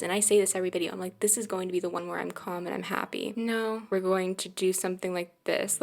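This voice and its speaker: A woman with a gravelly, fry-heavy voice talks through a video game in loose, rambling commentary. She is sarcastic and swears freely, addressing her viewers directly. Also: medium pitch. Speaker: gaming YouTuber. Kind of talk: casual gameplay commentary.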